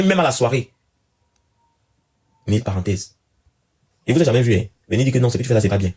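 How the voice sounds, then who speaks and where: Rapid-fire husky man ranting on a live stream. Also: mid-range voice. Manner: rapid, animated ranting with repeated phrases. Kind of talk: casual live-stream chat.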